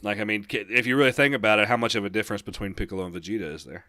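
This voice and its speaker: Laid-back low-voiced male gaming podcaster. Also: racing, pushed and bright, no room sound, studio quality. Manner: rambling, enthusiastic, laughs often. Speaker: podcast co-host. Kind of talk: casual gaming podcast chat.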